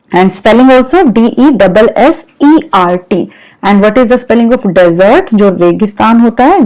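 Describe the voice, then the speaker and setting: An Indian woman teaching English words to young pupils at an unhurried pace. She spells each word letter by letter and explains the meaning patiently, in a voice of middle pitch. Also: a little mellow, low-quality recording. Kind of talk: vocabulary lesson mixing English and Hindi.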